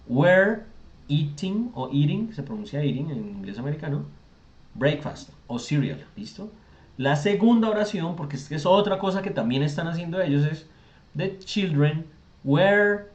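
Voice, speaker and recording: A man leads a virtual English lesson, his voice sitting slightly high. He explains grammar patiently, one step at a time, with frequent quick checks on his students. The call audio is roomy and muffled. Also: a little mellow. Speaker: English tutor. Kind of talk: online class explanation. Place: virtual classroom session. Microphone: video call. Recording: echoey lo-fi video call audio.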